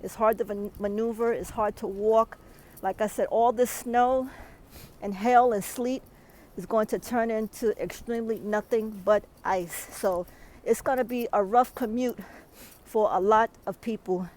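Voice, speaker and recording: A woman's voice: mid-range voice, fairly even intonation, measured pace, darkish tone, poor audio. A woman, out of breath, filming a weather vlog outdoors in a snowstorm and often adding "okay?" to her emphatic advice. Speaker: vlogger.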